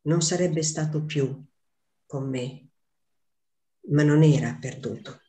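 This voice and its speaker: A woman's voice: sits low, dark tone. Woman reading as a grieving young mother. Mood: sorrowful. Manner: slow, measured reading aloud. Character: young mother grieving her lost newborn. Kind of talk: literary reading.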